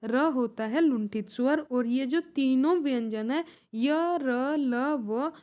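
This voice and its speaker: This is a young woman teaching grammar for an exam, her voice high-pitched yet dark in tone. She talks slowly and repeats material as questions followed by her own answers.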